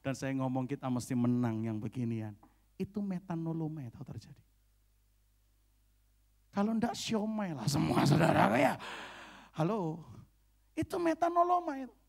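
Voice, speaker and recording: A middle-aged male pastor, delivering an animated storytelling sermon. His voice sits a little high for a man and carries a gravelly edge. He keeps turning to the congregation with asides and jumps into the voices of the people in his stories. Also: moderate pace, long pauses. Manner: animated storytelling, many "saudara, ya" asides, acts out quoted dialogue. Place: church function hall.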